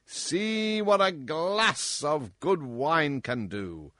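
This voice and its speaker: A cruel old tyrant king booms and jeers in a raised, swooping voice, as a male narrator puts him on. He stretches his words slowly and cruelly, loud and overbearing. A dry, close storybook reading. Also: lively intonation, dry recording, heavily acted. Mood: mocking, blustering. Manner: bellowing, mocking, laughs harshly.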